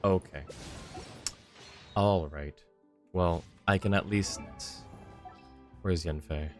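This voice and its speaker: A man with a low, slow voice talks casually on a game livestream, thinking aloud in a rambling, relaxed way while game music plays behind him.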